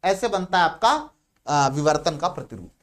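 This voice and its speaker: A man lectures on physics at the board in a fairly high voice. He poses questions to the class, answers them himself and repeats each key term, with chatty asides to his students. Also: big pitch swings, moderate pace, fairly bright tone. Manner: repeats key terms and says "ठीक है" often. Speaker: physics teacher. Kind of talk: blackboard lecture in Hindi.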